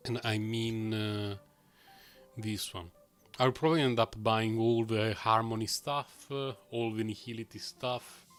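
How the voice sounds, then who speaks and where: A man's voice: lowish voice, fairly bright tone. A man chatting casually while live-streaming video games, rambling and often chuckling to himself. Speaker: game streamer.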